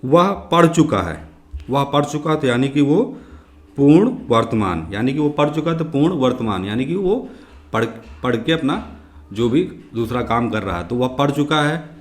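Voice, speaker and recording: Male exam-prep teacher, slightly hoarse, asks each question aloud and answers it himself. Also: mid-range voice, expressive, normal speed. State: slightly hoarse, clearing throat. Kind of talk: exam prep grammar lesson.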